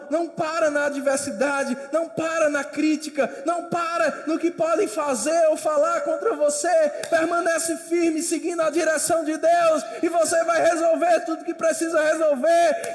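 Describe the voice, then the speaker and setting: A man's voice: very high voice, in a large hall. A man preaching a sermon as pastor, with emphatic, repetitive exhortation. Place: church.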